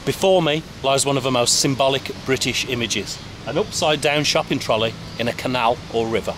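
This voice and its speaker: A man's voice: medium pitch, brisk. Chatty male vlogger outdoors. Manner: chatty, friendly questioning. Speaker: travel vlogger and host. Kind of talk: casual vlog narration and street interviews. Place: outdoors on town streets. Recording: outdoor street noise with traffic.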